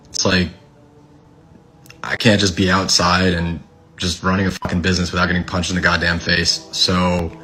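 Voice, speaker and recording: A man's voice: deep voice, a bit bright. A man, a shop owner, venting in frustration after being assaulted, swearing and restarting his sentences. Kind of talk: angry venting to camera.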